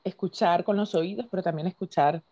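A Venezuelan woman chatting casually in a lowish voice, telling her stories with lots of animation and frequent laughter. Her audio is dull and lo-fi, as if it comes through a remote call. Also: a little fast, no echo. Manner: animated storytelling, laughs often. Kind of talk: casual conversation.

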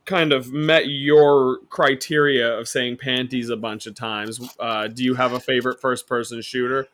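A man hosting a casual podcast chat, teasing his guests with quick laughs. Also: mid-range voice, flat delivery, a bit bright. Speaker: podcast host.

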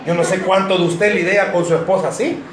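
A man preaches to couples in a bright, high voice, teasing the congregation and drawing laughs. His voice rings around a roomy church hall over a faint hiss. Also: steady tone, fairly quick. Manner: joking, addresses the congregation directly. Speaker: pastor. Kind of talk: sermon to married couples.

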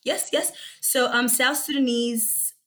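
A young woman raised in Australia, speaking as an interview guest in a reflective, thoughtful way with frequent pauses and ums. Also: sits high, fairly even intonation, a bit bright. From born in Egypt, raised in Australia. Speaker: guest, researcher and youth activist.

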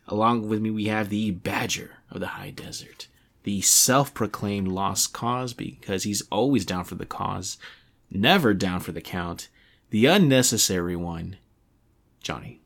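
A man's voice: on the low side, measured pace, vocal fry, a bit bright. A young adult man hosting a casual video game podcast, talking in a rambling way with many restarts and fillers. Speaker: podcast host.

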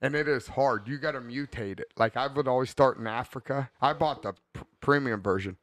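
A man in his thirties talks over a casual podcast chat, rambling and swearing freely, with a laugh breaking in now and then. His voice sits at an ordinary middle pitch and is recorded close and dry. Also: fairly quick, a bit bright, dry recording. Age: 30s. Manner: rambling, profane, laughs often. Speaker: podcast host.

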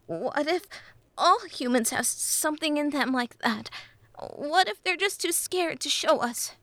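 A woman's voice: high-pitched, expressive, unhurried, a bit bright, no echo, pitched above the performer's own voice. A woman voicing a frightened, guilt-ridden small male imp who stammers and pleads. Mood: anxious.

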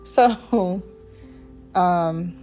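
A woman in her twenties hosting a casual faith-based podcast, talking in a relaxed, rambling way with many ums and asides. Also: on the low side, extremely slow, soft background music. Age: 20s. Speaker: podcast host.

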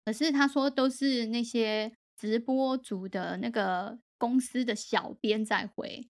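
Chatty woman, lively storytelling. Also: on the high side, unhurried. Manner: animated storyteller, mixes in English words. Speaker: podcast co-host. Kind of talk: casual chat.

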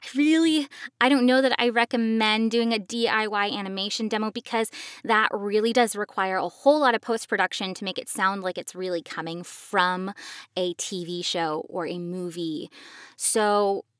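A podcast host who also works as a voice actor talks to parents in a conversational style, explaining things as she goes. Her voice is medium-pitched and her pace is normal, and the recording is dry and of studio quality.

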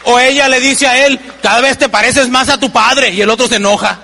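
High, gravelly man in a hall. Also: fairly quick, a little hiss or hum. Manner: animated, acts out dialogues with humor. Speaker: motivational speaker. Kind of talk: live seminar talk. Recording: long hall reverb.

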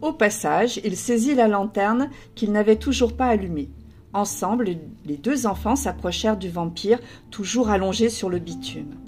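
A woman, a librarian, reading a children's storybook aloud with clear, steady narration. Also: mid-range voice, moderate pace.

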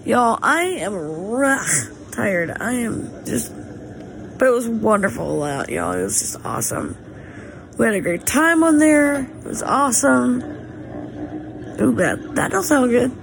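Slow, high-voiced Southern American woman vlogging over noise. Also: vocal fry. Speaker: family vlogger. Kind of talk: casual chat to viewers. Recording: noisy handheld recording with vehicle rumble.

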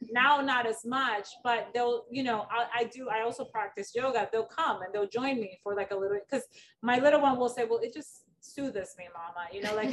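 A middle-aged woman from the Dominican Republic hosts a relaxed interview, chatting freely and telling stories from her own life. Her voice sits fairly high and comes from some distance off the mic. A faint hiss of background noise stays under it. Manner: chatty, storytelling, many fillers. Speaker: podcast host. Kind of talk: casual conversational interview.

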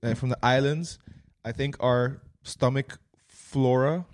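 A young man from Curaçao, co-hosting a casual chat, animated and playful, swearing freely. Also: medium pitch, slow pace. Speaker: podcast co-host.

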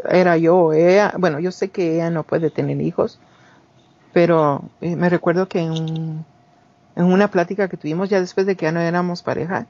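A man in his forties from Guatemala, here as a guest, casually rambles through personal stories, restarting often and acting out what people said. He has a Guatemalan Spanish accent and a slightly high, darkish voice. The recording quality is dull lo-fi.

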